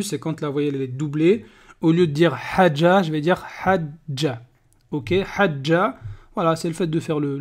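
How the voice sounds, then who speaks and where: A teacher giving a step-by-step reading lesson, patiently sounding out syllables and checking in often with the learners. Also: mid-range voice. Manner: patient, checks understanding with frequent "ok?"; reads syllable drills one by one.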